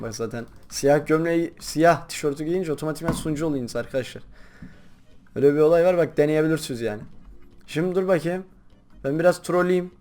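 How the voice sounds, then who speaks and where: A young man chatting casually while playing a game, rambling to his viewers and breaking into loud excited shouts. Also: on the high side. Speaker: gaming YouTuber. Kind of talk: casual gameplay commentary.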